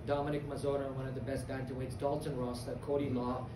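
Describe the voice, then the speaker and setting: A young man from Afghanistan, an MMA fighter giving a confident, earnest post-fight interview with many pauses and fillers. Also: medium pitch, little pitch movement, background noise. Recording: echoey venue, distant mic, loud crowd ambience.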